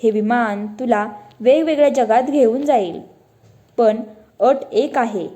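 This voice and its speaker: Woman as a gentle sky fairy. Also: fairly high pitch, slow. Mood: calm, kind. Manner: calm, soothing delivery.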